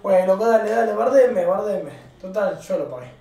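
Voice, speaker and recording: A young man with an Argentine accent rants and jokes with his live chat, loud and exasperated. His voice sits unusually high. He sounds set back from the mic in an echoey room at home. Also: expressive, moderate pace, gravelly, recorded from a distance. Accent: Argentine Spanish. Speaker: streamer. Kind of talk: casual live-stream chat. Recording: roomy, from off the mic.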